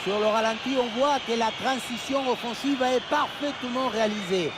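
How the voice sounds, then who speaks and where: Loud stadium noise surrounds a male pundit with a very high-pitched voice. He gives enthusiastic, excited sports commentary for a football video game, breaking down the play. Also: normal speed.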